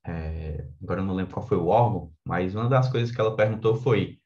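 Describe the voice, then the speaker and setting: A low-voiced man with a Brazilian accent talks fast in a darkish tone, the highs cut off. He's an exam coach giving an informal explanatory lesson, conversational and often ending points with little tag questions seeking agreement.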